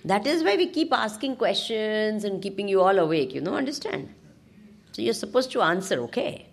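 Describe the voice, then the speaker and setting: A woman spiritual teacher with a South Indian accent speaks in a husky, creaky voice. Her delivery is unhurried but animated, with wide swings in pitch as she takes her class through scripture and checks in with questions. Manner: animated, prompts listeners with questions. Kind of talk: informal scripture discourse to a class, with Sanskrit verses.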